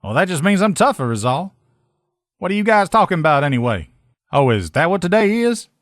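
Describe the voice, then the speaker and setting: For a video game, a man voices a loyal, upbeat army lieutenant who repairs armor, speaking like a plain-spoken, folksy soldier who is informal and confident. His high-pitched delivery is very animated and fairly quick, with a conversational mood. The sound is dry, with no echo or room around the voice.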